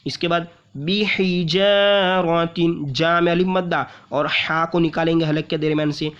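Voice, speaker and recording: A man teaches recitation at an unhurried pace, pausing on single syllables and stretching the long vowels so they are easy to follow. His voice sits a little high. The recording is dull and lo-fi. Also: level tone, a bit bright. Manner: patient, repeats syllables and drags out long vowels while demonstrating. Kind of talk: explaining tajweed rules step by step. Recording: muffled lo-fi audio.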